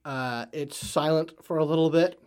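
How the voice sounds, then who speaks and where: A man narrating as game master of a tabletop game, halting with many fillers. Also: fairly high pitch, clean tone.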